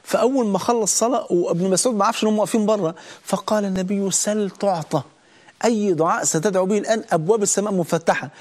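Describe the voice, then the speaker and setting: Fast, high-voiced Egyptian preacher. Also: male voice, a little mellow. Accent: Egyptian Arabic. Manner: emphatic, rhetorical questions to listeners. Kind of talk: sermon.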